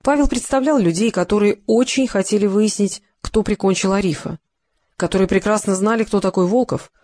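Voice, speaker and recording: An audiobook narrator reading a detective novel in an even, measured way. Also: mid-range voice, no echo.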